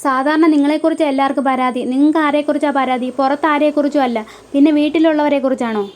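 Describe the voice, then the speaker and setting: A woman reading the lines of a stern male police officer who questions a family with probing skepticism, in her own high voice. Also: steady tone, fast, a little mellow, close to an everyday voice. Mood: skeptical.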